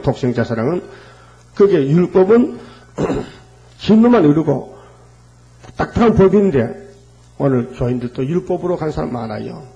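A male pastor preaching a fervent sermon, asking rhetorical questions and filling pauses with hesitations. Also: mid-range voice, vocal fry, mellow, muffled recording.

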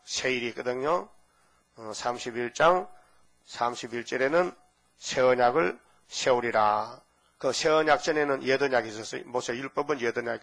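Older man preaching an animated sermon. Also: mid-range voice, vocal fry. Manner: animated preaching, acts out biblical voices, asks the crowd. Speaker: pastor.

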